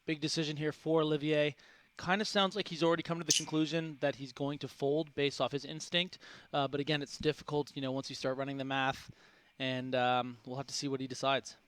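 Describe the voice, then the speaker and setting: A man giving measured, explanatory analysis of a poker match, with frequent ums. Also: on the high side, little pitch movement, fairly bright tone, clean tone. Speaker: analyst commentator.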